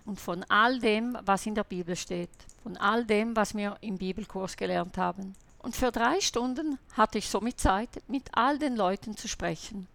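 A woman's voice: medium pitch, moderate pace, creaky, hardly any pauses, a bit bright, dry recording. A woman giving an earnest, fervent personal faith testimony as a lay preacher, speaking directly to her listeners as brothers and sisters.

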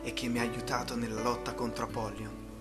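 Dude voicing an earnest pilgrim guy, mid pitch, music going behind. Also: flat delivery, a little fast, natural voice. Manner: earnest, pleading, cries out. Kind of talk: audio drama storytelling.

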